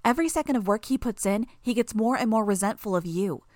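A woman voicing a sly, fast-talking young female villain who needles and persuades, her voice pitched up. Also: no echo, studio quality, natural voice. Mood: taunting.

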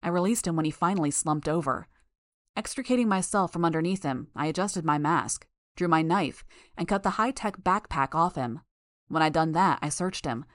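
A woman reading a first-person story aloud in a steady, measured way. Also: deep voice, no echo, clean studio sound. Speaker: audiobook narrator. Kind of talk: first-person audiobook narration.

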